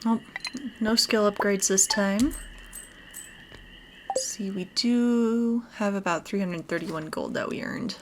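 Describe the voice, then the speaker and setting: With a mid-range voice, this woman takes it slowly and pauses often while hosting a casual let's play. She narrates her own moves aloud as she goes, with game music and other background noise audible.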